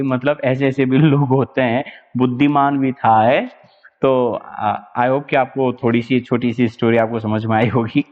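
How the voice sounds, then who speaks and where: Male teacher, animated storyteller, echoey dull-sounding room. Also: medium pitch. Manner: animated, chatty, laughs often. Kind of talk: storytelling in an exam-prep lesson.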